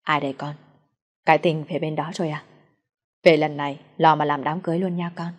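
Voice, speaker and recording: A woman with a low voice reading the lines of an angry middle-aged mother who scolds her son. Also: level tone, fairly quick. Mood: nagging.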